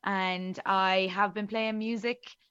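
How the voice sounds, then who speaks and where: A chatty Irish woman talks as a guest on a radio show, self-deprecating and quick to laugh at herself. Her voice sits at a middle pitch. The sound is dry and a little dull. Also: little pitch movement, fairly bright tone, clean tone, no room sound. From Ireland. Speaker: musician guest. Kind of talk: casual interview chat.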